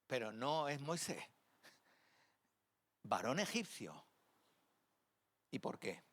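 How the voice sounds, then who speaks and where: A man's voice: medium pitch, very animated, slow, fairly bright tone. A male preacher giving a sermon, telling a story and asking the congregation questions. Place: church.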